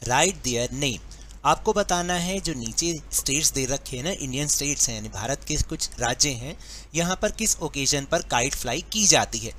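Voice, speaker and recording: A man's voice: medium pitch, expressive, a bit bright, slight background noise. A male teacher with an Indian English accent, patiently walking pupils through a worksheet step by step. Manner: slow, patient, counts aloud step by step. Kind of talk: worksheet lesson for school pupils.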